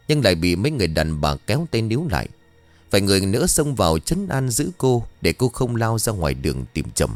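A man tells a ghost story in a low voice that swings through a lively, wide range of pitch. His delivery is suspenseful and expressive. The sound is dry and close, with faint music under it. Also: no room sound. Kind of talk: scripted ghost story narration.

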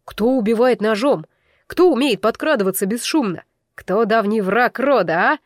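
A woman's voice: fairly high pitch, lively intonation, normal speed, no echo, studio quality, close to an everyday voice. A woman doing an accusing elder bull warrior. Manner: accusing, insistent.

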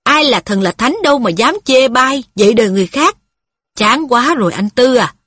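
Here is a bitter, quick-tempered widow, voiced by a woman reading a story. She scolds and resents in a fairly high, breathy voice. The sound is dry and close. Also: expressive, fairly bright tone, no room sound.

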